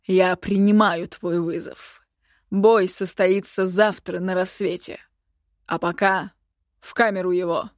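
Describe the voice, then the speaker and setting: A woman voicing a domineering, cruel male emperor who gives slow, loud, imperious commands. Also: fairly low pitch, steady tone, dry recording, studio quality.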